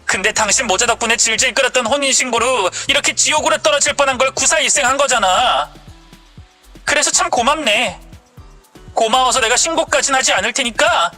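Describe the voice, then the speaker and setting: A fierce young wife in a spoken story, sharp and scolding, as a woman reads her part. The voice sits very high and sounds bright and tense. Soft music plays underneath. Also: a little fast. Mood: angry, scolding. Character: angry young wife confronting her in-laws.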